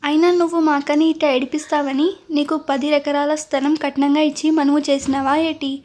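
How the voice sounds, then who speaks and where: A woman's voice: high-pitched, flat delivery, brisk, a little mellow, natural voice. A woman voicing a cheeky young village man who jokes in rustic village speech. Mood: teasing.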